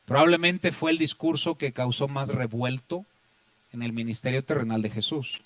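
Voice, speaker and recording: A man with a Mexican accent preaching a Bible study sermon, often addressing his listeners as brothers and swinging between loud raised passages and quiet asides. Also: mid-range voice, moderate pace, no echo. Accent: Mexican Spanish. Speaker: pastor.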